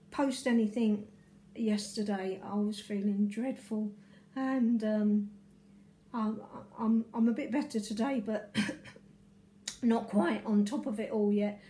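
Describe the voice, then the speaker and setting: A hoarse woman, a vicar, talking in a casual video diary, halting and full of fillers and restarts. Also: fairly high pitch, dark tone, slight background noise, rough recording.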